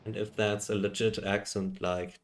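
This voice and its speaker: A man hosting a let's play of a video game, giving relaxed commentary and reading the game's text aloud. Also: fairly low pitch, moderate pace, a little hiss or hum. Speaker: gaming channel host. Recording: gameplay commentary over game music. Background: game music.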